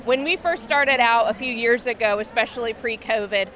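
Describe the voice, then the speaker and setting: Female outreach worker, bright and optimistic, somewhat high voice, expo floor. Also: normal speed, a little hiss or hum. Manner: upbeat, optimistic, earnest. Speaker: farm stress outreach worker. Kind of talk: interview answers. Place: busy convention expo hall.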